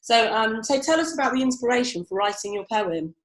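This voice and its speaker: A British woman with family from Barbados hosts an online interview over a video call; she is an event host and competition organiser. Her fairly high voice is animated and a little fast, and she sounds friendly and encouraging, using lots of "um"s. The audio is poor, with an echoey room.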